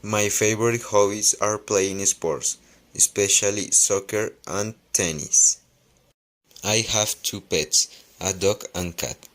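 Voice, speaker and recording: A man's voice: fairly low pitch, fairly even intonation, takes it slowly, a bit bright. A twenty-year-old man with a Colombian Spanish accent reads a short self-introduction aloud in English, carefully, in short phrases. Spanish is his first language.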